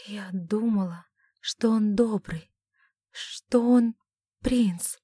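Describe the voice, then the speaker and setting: A woman's voice: mid-range voice, steady tone, moderate pace, mellow, dry recording, studio quality, natural voice. A woman voicing a frightened, ashamed young woman who pleads and whispers through tears in an audiobook. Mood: tearful whisper.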